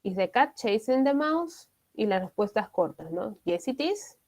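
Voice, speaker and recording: A woman's voice: fairly high pitch, sing-song, a little slow, a little mellow. Woman teaching an English class. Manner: explains step by step, often checking in with the class. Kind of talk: online class lecture.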